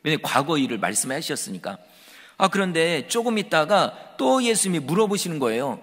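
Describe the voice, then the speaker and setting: A man preaching a sermon as pastor, animated and conversational. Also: fairly high pitch, a little fast, slightly rough. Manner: animated, conversational preaching that acts out quoted speech. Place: church sanctuary. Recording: reverberant church hall.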